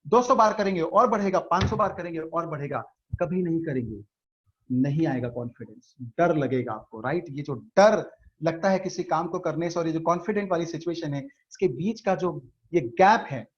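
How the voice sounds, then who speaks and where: A man with a fairly high, husky voice leads an online motivational workshop. He speaks earnestly and keeps checking in with his listeners. The video-call audio sounds dull and muffled. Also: normal speed. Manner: earnest, coaching, asks rhetorical questions. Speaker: motivational trainer.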